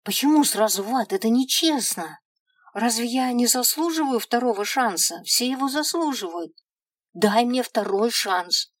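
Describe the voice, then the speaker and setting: A woman's voice: on the high side, lively intonation, moderate pace, dry recording, clean studio sound, voice pushed up. A woman voicing a stubborn, hot-tempered young female thief who protests insistently, in a storybook reading. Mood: pleading.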